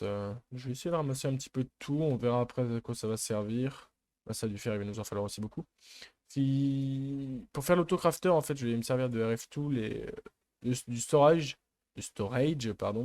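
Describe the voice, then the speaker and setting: A man's voice: medium pitch, a little mellow, dry recording. A man giving chatty, rambling commentary while playing a modded block-building game, with lots of hesitant fillers. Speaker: gaming youtuber. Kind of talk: casual let's play commentary.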